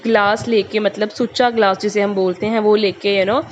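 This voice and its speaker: A young woman hosting her own channel, talking in a relaxed, chatty way about a mantra, with lots of casual English fillers. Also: mid-range voice, normal speed. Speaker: tarot channel host. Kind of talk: casual spiritual talk. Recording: muffled lo-fi recording with faint hiss.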